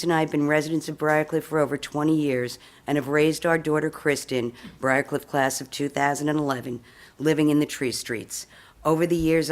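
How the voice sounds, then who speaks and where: A woman, a mayor seeking renomination, giving a prepared speech at a community meeting and rushing through a long list of accomplishments. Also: extremely low pitch. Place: community center meeting room.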